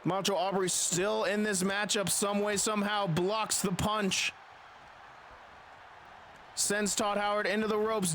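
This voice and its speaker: Male wrestling commentator, high voice, excited play-by-play, dramatic announcer delivery, faint background noise.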